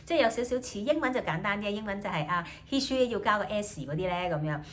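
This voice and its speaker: Speaking in an expressive, mid-range voice, a young woman from Hong Kong chats casually in her video diary. The student, a native Cantonese speaker with a Hong Kong accent, pauses and uses fillers a lot, giving every thought first in English, then in Cantonese.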